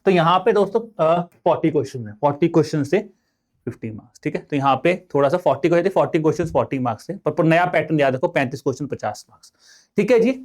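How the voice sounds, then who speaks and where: Indian guy teaching exam prep online, voice a bit high, keeps asking questions and answering them. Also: expressive, fast. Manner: addresses viewers as friends, Hindi-English mix, rhetorical questions. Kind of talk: online lecture.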